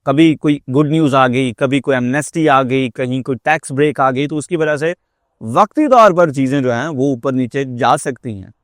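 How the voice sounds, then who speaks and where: A man with a Pakistani accent and a mid-range voice gives a persuasive market update as a real estate marketer, explaining things emphatically and slipping in English phrases. The studio sound is clean with no room echo.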